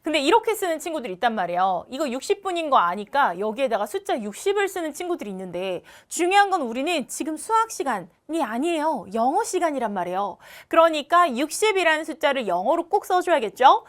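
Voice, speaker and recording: A woman's voice: high voice, sing-song, fast, hardly any pauses, fairly bright tone. A young woman teaching an English lesson, explaining each question step by step with patience and repeating words to drill pronunciation. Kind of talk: recorded exam walkthrough lesson.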